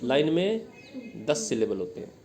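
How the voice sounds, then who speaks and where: A man's voice: mid-range voice, sing-song, moderate pace, a little mellow, a little hiss or hum. A male teacher giving an exam-prep lecture, explaining step by step and drilling his students with questions. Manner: explains step by step, often checks with "ठीक है?".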